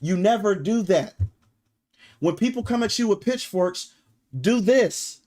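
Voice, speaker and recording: A man ranting on a live stream, his voice sitting a little higher than most men's. He talks bluntly to his chat, swears freely, and keeps checking in with a rhetorical "right?" as he drives each point home. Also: normal speed, darkish tone. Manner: blunt, emphatic, profane, rhetorical "right?" tags. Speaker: streamer reacting and reading chat. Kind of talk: casual livestream rant.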